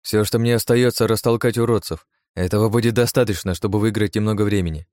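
A man's voice: lowish voice, steady tone, fast, a little mellow, no room sound, studio quality, natural voice. A man doing a wry young hero. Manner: wry, matter-of-fact. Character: young male hero, dry and sarcastic.

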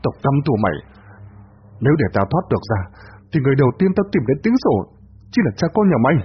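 A man voicing a cruel, scheming old villain who shouts threats in a snarl. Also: mid-range voice, big pitch swings, quick pace, husky, pitched above the performer's own voice. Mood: hateful. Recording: dull lo-fi audio.

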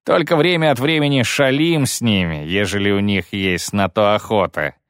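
A man's voice: mid-range voice, very animated, normal speed, dry recording, clean studio sound, natural voice. A man voicing a mocking, leering young male bandit with a sneering, mock-polite manner.

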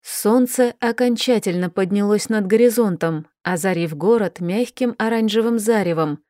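A woman reads first-person fiction in a calm, measured voice. Her pitch sits in the middle of the range. The recording is close and dry, with no room sound. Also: no room sound. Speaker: audiobook narrator. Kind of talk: first-person scripted narration.

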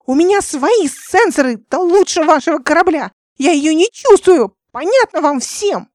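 A woman reading an audiobook voices a hysterical young woman who shrieks and sobs in a high, strained voice. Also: lively intonation, normal speed, no room sound, studio quality. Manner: shrill, tearful, shouting.

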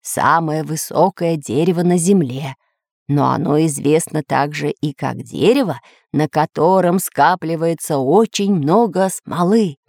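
A woman voicing an excitable male professor in a storybook reading, with urgent, eager exclamations. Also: low-pitched, measured pace, no echo, clean studio sound. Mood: explaining.

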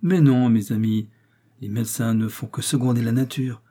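A man doing a gentle, modest doctor. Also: medium pitch, fairly even intonation, husky, close to an everyday voice. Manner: gentle, measured. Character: kind, calm male doctor, modest. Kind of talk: audiobook character voice.

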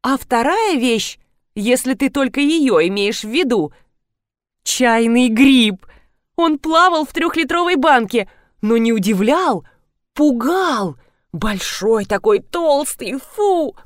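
A woman reading an audiobook, voicing a cheerful, warm-hearted grown man in an upbeat tone. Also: high-pitched, expressive, takes it slowly, dry recording, clean studio sound, voice pushed up.

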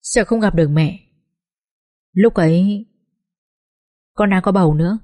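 A woman voicing a young daughter who pleads softly with her mother. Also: medium pitch, measured pace, no room sound, clean studio sound, close to an everyday voice. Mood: pleading. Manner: soft, pleading.

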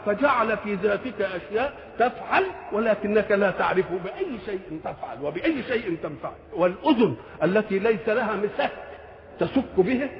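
An older man with an Egyptian accent giving religious commentary, asking rhetorical questions and moving between formal and colloquial speech. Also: high voice. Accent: Egyptian Arabic. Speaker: Quran commentator. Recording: dull lo-fi recording in a reverberant hall.

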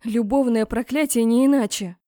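A woman narrating a first-person romance fantasy story in an expressive, dramatic reading. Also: a little high, normal speed, no echo, studio quality. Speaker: audiobook narrator.

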